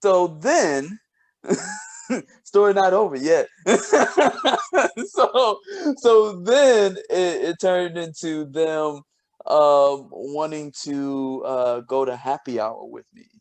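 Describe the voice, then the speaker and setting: Gravelly man telling stories, laughing. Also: fairly high pitch, lively intonation, drawn-out words. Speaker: podcast co-host, scientist. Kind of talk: casual storytelling chat.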